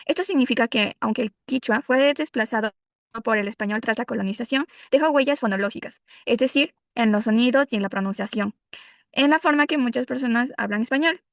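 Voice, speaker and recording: A woman's voice: fairly high pitch, fairly quick, no room sound, clean studio sound. A woman from Ecuador giving a class presentation, explaining with examples and a few restarts. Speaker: student presenter.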